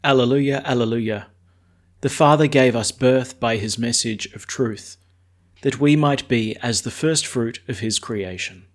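A man speaking as a priest, reading scripture and preaching in a measured, solemn way. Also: medium pitch. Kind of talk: liturgical reading and homily.

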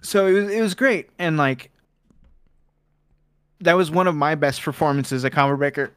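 A man's voice: on the high side, normal speed, fairly bright tone, smooth, no echo, studio quality. A man hosting a podcast, chatting casually and laughing easily, swearing now and then. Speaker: podcast host.

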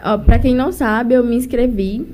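This is a fairly high, mellow female voice at normal speed, with a slight hiss or hum behind it. She's a young singer from Northeastern Brazil who has a cold, chatting colloquially as she recounts her story in an interview.

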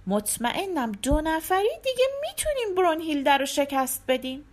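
Storybook hero, confident young man, earnest and warm-hearted, voiced by a woman. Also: high-pitched, big pitch swings, pitched above the performer's own voice.

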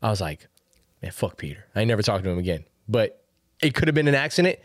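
A man's voice: on the low side, very animated, fast talker, no echo, studio quality. A man in his late twenties chatting casually on a podcast, slangy and repeating himself, with lots of "bro" and "man". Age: late 20s. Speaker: podcast co-host. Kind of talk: casual chat.

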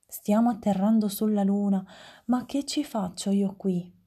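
A woman's voice: mid-range voice, fairly even intonation, a little slow, dark tone, slightly rough. A woman voicing a young male bar errand boy in a read-aloud storybook, flustered and talking to himself.

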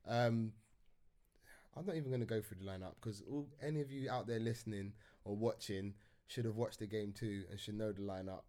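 A man's voice: fairly low pitch, brisk, warm tone. A man hosting a casual football podcast, chatty and often asking "you know what I mean". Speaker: podcast host.

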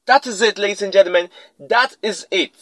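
A man with a high voice gives a motivational podcast talk and leans hard on his main points, often saying them twice. The sound is close and dry, with almost no room around it. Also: a little fast, a bit bright, no echo, rough recording. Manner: emphatic, repeats key lines for effect. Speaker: podcast host.

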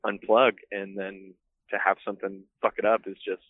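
A man's voice: lowish voice, level tone, normal speed, dry recording. Man on a tinny flip phone call. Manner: laid-back, swears freely, many fillers. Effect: heard over an old flip phone call. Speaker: guest calling in by phone. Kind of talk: casual chat. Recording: tinny phone line, dry.

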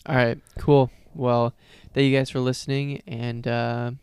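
A man's voice: mid-range voice, little pitch movement, unhurried, a little mellow, smooth, no echo. A man hosting a podcast in casual chat, with short, slangy remarks. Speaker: podcast host.

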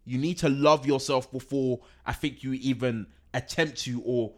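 A young man with a London roadman accent, chatting casually in animated, repetitive, slangy storytelling. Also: medium pitch, normal speed. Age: young adult. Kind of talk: casual chat.

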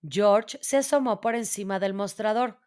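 A woman reading a children's storybook aloud in a gentle, measured way. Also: mid-range voice, smooth.

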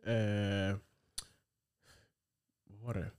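A man's voice: on the low side, flat delivery, darkish tone, smooth. A young man co-hosting a casual podcast, laid-back and mostly giving brief replies. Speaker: podcast co-host. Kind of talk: casual chat.

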